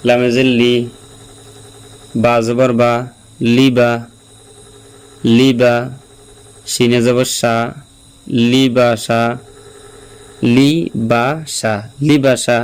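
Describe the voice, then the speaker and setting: A man teaching Quran reading, spelling out syllables slowly and repeating them patiently for learners. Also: mid-range voice, smooth, rough recording. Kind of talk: slow spelled-out recitation lesson. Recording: steady mains hum behind the voice.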